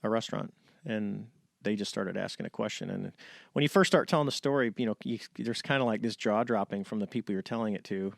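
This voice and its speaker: On an interview show, a middle-aged American retired navy fighter pilot tells a long story casually, acting out quoted dialogue with animation. His gravelly voice runs on the low side and a little fast, recorded cleanly in a studio with no echo.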